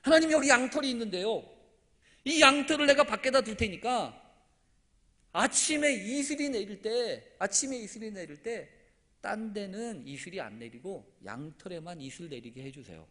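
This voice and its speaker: A man's voice: high voice, expressive, normal speed, a bit bright. A preacher acting out a timid pleading man. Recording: echoey church hall.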